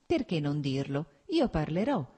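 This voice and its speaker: A woman reading an audiobook voices a calm, gentle young woman who speaks plainly and mildly. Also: low-pitched, unhurried, breathy edge, full character voice.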